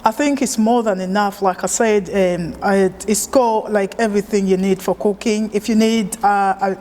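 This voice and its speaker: A chef originally from Uganda speaks in a relaxed, easygoing way, with plenty of fillers, during an oral history interview. Her mid-range voice moves at normal speed, and the recording has a big-room sound.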